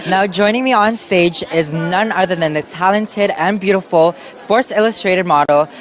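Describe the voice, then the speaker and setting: A man hosting a live red carpet stage in a casual, excitable and effusive way. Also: high voice, moderate pace. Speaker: stage host.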